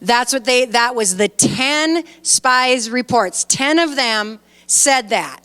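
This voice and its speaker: Lady pastor telling bible stories, high clear voice, big churchy reverb. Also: slow pace. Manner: animated storytelling, reads aloud and chats with listeners. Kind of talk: lively sermon retelling scripture. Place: church sanctuary.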